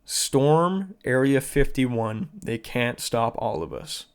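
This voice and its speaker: A man's voice: medium pitch, lively intonation, takes it slowly, smooth. A man hosting his own podcast, rambling through internet videos in casual, profane, sarcastic commentary. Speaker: podcast host.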